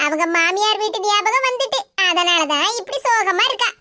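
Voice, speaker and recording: A woman voicing a cheeky, teasing young sister-in-law in an animated cartoon comedy, speaking with a Kanyakumari Tamil accent. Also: extremely high pitch, normal speed, heavy background noise.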